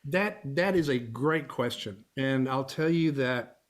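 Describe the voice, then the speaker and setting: A man's voice: mid-range voice, animated, unhurried. A middle-aged man from Texas, a guest on an interview show, telling stories in an easygoing way and chuckling now and then. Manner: easygoing storyteller, chuckles while talking. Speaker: guest, family law attorney and actor. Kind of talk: casual interview conversation.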